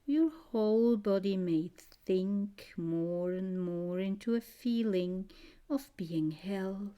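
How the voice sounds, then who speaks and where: A woman guiding a trance meditation in a soothing, mesmerizing way, with short gentle phrases and a soft, breathy voice that often nears a whisper. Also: medium pitch, takes it slowly. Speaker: guided meditation narrator.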